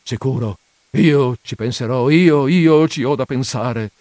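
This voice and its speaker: Un uomo che dà voce a un vecchio curato pauroso e lamentoso in un audiolibro letto ad alta voce. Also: male voice, medium pitch, measured pace, darkish tone, no echo, close to an everyday voice. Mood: grumbling. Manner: fretful, whining and exasperated, with sighs. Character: anxious, fearful elderly country priest.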